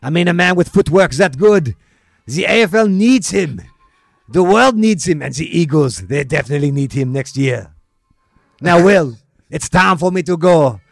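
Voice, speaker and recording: A man's voice: a little high, animated, normal speed, creaky, dry recording, studio quality, voice pushed up. A man voicing a pompous, crude, worldly ex-footballer with a grandiose manner. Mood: florid. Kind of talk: comic character phone bit.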